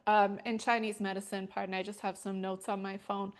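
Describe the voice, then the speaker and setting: Woman, middle-aged, yoga teacher, casual rambling class talk, level even pitch, frequent fillers. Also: brisk. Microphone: wearing a microphone.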